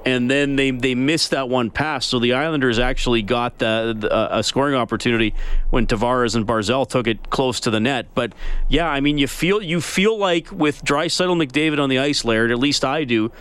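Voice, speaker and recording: A man's voice: mid-range voice, moderate pace, a bit bright, smooth. A man hosting a post-game sports radio call-in show, close on a studio microphone. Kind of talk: post-game radio talk with sponsor reads. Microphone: close broadcast microphone.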